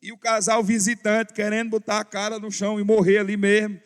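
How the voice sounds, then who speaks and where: A male pastor preaching a sermon, telling stories in an animated way and acting out dialogue. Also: sits high, a little fast, clean tone. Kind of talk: sermon with storytelling. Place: large church hall. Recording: long church hall reverb.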